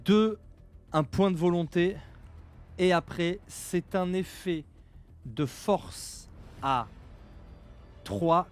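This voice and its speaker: A man narrating a tabletop role-playing game as game master, with dramatic pauses. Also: sits high.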